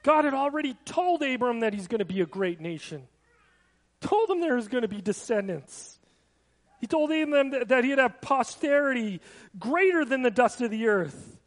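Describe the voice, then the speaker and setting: Male pastor, very high voice, earnest conversational sermon, long hall reverb. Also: animated, moderate pace. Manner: earnest, conversational preaching with personal asides.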